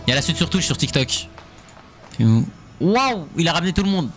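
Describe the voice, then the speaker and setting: A man streams an excited reaction in a high, very animated voice. He is slangy and sweary, hammering words by repetition, with anime music behind him. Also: fairly quick. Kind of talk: excited casual live reaction commentary. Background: anime episode audio and music.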